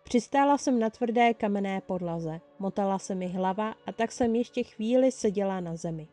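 A woman reading a fan story aloud in the first person, telling it in a lively way. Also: medium pitch, faint music behind. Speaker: fan-fiction reader.

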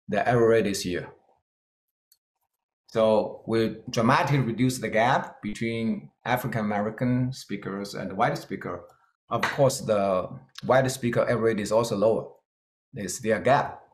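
Presenting a conference talk with slides, a Chinese-born keynote speaker speaks English with a Chinese-Scottish accent. His medium-pitched voice is earnest and plain-spoken, dotted with hesitant fillers, and the recording has a roomy sound.

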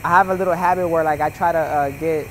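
A man's voice: fairly high pitch, fairly even intonation, quick pace, a little hiss or hum. A young man giving a casual, rambling welding lesson, full of "you know" and "like". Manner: laid-back, rambling, many fillers like "you know" and "like". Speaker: welding instructor. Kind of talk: casual instructional voice-over.

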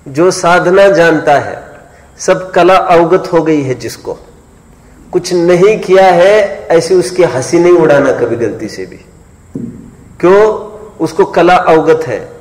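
A man with a slightly high, slightly mellow voice gives a sermon-like lecture on scripture before a live crowd. He regularly halts for rhetorical questions and checks that everyone is keeping up, all captured in an echoey hall with long reverb.

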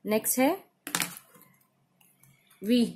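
A woman with an Indian accent teaching letter sounds for children, saying each sound slowly and repeating it. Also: a little mellow, slight background noise. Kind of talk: phonics lesson for children.

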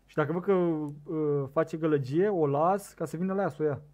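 A young man with a Romanian accent giving casual commentary on a fishing game, excitable and talking to his viewers, on a desk microphone set too loud. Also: a little high. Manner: excitable, shouts bursts at the game, talks to viewers. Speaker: gaming streamer.

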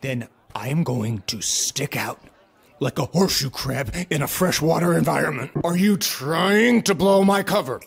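Manic, theatrical cartoon zombie boss, high and lively. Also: male voice, unhurried, gravelly, slightly rough, exaggerated voice. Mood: exasperated. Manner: theatrical, bossy, prone to shouting. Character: manic scheming male zombie food-truck boss. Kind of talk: animated comedy dialogue.

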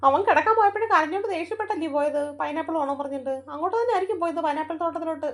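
A woman voicing a gentle grandmother in a cartoon, giving calm advice. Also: very high-pitched, rapid-fire. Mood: worried. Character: grandmother of the family, gentle and wise. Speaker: cartoon character.

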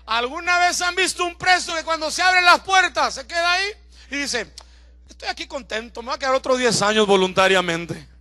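High-voiced, bright male pastor preaching. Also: expressive, a little fast, no echo, clean studio sound. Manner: joking asides with the congregation; builds to loud, emphatic preaching. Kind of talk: sermon. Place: church service before a congregation.

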